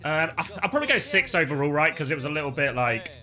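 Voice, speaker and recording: A man's voice: on the high side, animated, quick pace, over music. A man in his thirties co-streaming an esports match, rambling and correcting himself as he talks to chat. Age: 30s. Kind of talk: casual livestream commentary.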